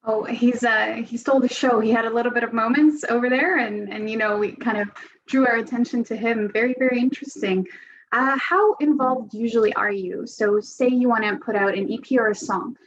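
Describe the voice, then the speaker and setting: A woman's voice: on the high side, fairly even intonation, a little fast, slight background noise. Woman interviewer with a slightly muffled sound. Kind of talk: interview questions.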